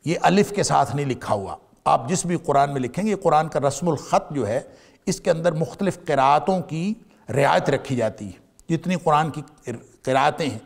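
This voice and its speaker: A man teaching a Quran commentary lesson to a seated audience. He recites each verse, explains it, and swings from raised emphasis to a hush. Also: a little high, gravelly. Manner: rising emphasis then dropping to a hush.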